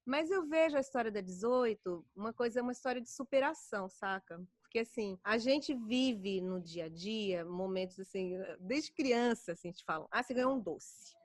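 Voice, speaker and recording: A woman's voice: mid-range voice, normal speed, few pauses, no room sound, clean studio sound. A middle-aged woman with a Brazilian accent, a voice actor chatting in an interview. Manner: animated, chatty, many fillers. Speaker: voice actor guest. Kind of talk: casual interview chat.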